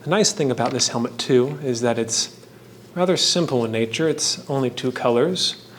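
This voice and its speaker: A man hosts a hands-on craft video mixing painting with fan trivia, offering casual, rambling commentary. His delivery is halting, meandering and trailing off between thoughts. His voice is medium-pitched, and there's a little hiss or hum.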